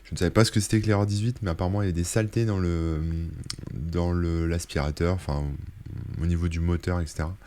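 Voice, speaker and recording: Low-voiced French man, tech blogger and streamer, chatty and meandering delivery. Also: fairly even intonation, quick pace, a little mellow. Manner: rambling, many fillers and self-corrections. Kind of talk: casual screen-share link roundup.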